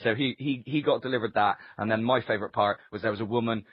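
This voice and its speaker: Lowish-voiced man telling rambling comic anecdotes. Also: steady tone, quick pace, dry recording. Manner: rambling, sweary, dry humour. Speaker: podcast co-host. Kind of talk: casual comic anecdote chat. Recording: dull, lo-fi voice-call audio.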